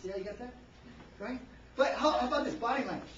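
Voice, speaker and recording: A high-pitched man runs a lively seminar, firing questions at the room and punching certain words louder for emphasis. He is recorded from across an echoing hall. The sound is muffled and a little dull. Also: quick pace, recorded from a distance, slight background noise. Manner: quizzes the audience, tags lines with "right?"; energetic, varies loudness for emphasis. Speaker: seminar presenter. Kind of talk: interactive workshop lecture.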